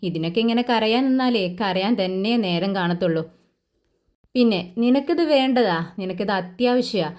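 A woman's voice: medium pitch, moderate pace, darkish tone, lightly acted. A woman voicing an older man who teases a crying servant girl and then speaks sadly of his lost son. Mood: teasing. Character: older man, grieving husband, teasing.

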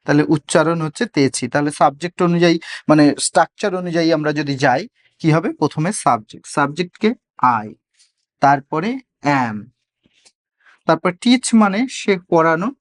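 Bengali-accented man teaching grammar slowly. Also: fairly high pitch. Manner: asks rhetorical questions, slows down to spell out examples. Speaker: English grammar tutor. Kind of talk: classroom-style grammar lesson.

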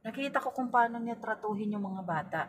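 Her voice leans high, slightly rough, animated and brisk as this middle-aged woman tells stories from inside a car. A vlogger and family driver, she chats casually to "guys" and acts out the conversations. A distant mic catches faint surrounding noise.

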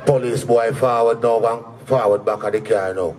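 A Jamaican-accented man performs stand-up at a live comedy venue, spinning stories in patois and acting out the characters he quotes. His voice sits in the mid-range, with fairly even intonation and a normal speed. The mic is distant, picking up faint crowd and room noise.

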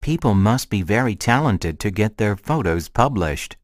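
A man's voice: lowish voice, animated, moderate pace, dry recording, clean studio sound, natural voice. A man acting a friendly character in a scripted language lesson dialogue, with careful short sentences. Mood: friendly, measured. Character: friendly man chatting about a shared hobby.

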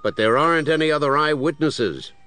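An actor playing an apologetic, reasonable police commissioner in a children's superhero audio drama. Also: male voice, fairly high pitch, fairly quick, bright, forceful tone. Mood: apologetic, frustrated.

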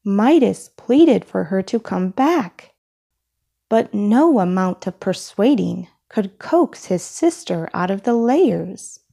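A woman reads a children's picture book aloud, deliberate and expressive in storytelling style. Her mid-range voice is gravelly and slightly rough.

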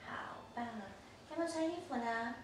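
Speaking a little fast in a high voice, a mother gently instructs her toddler during play, patiently repeating simple directions many times. It was picked up by a distant camera mic, leaving the home recording noisy, echoey, and distant.

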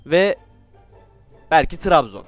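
A man giving casual, joking commentary while playing a game, with sudden excited outbursts and playful trash talk. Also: on the high side, slow, muffled recording, music in the background. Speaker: gaming YouTuber.

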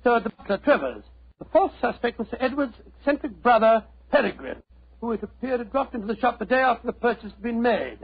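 An actor playing an earnest, blustery doctor and loyal sidekick with a British accent and husky voice, in 1940s radio style. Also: male voice, extremely high pitch, lively intonation, fast talker, heavily acted. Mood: earnest recounting. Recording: muffled old radio recording.

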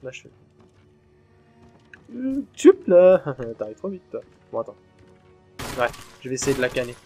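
A man talks his way through a horror game, chatting to viewers and letting curses fly whenever something jumps out. His voice sits at an ordinary middle pitch, with quiet game music running underneath. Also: animated, quick pace. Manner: chatty and jumpy, swears freely when startled. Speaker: gaming channel host. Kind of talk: let's play commentary.

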